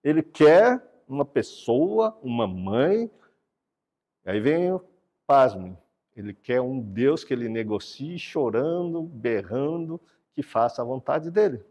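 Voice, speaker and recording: Guy preaching about brain and god, swings his voice up and down a lot, kinda husky, big hall echo. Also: medium pitch, takes it slowly. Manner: animated, explanatory, repeats words for emphasis. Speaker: speaker teaching brain science and faith. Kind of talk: sermon-like talk with a drawing.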